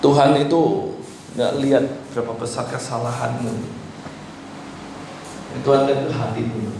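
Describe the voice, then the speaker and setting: A male pastor preaching an animated sermon, swinging between loud and hushed, now and then mimicking pleading voices. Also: mid-range voice, normal speed. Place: church hall. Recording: very echoey church with faint background noise.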